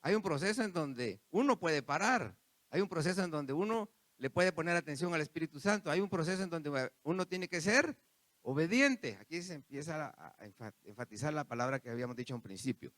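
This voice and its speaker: Man, sermon, higher voice, dry recording. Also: animated, a little fast, fairly bright tone, no echo. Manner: preaches with repeated phrases and asides to the congregation. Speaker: pastor.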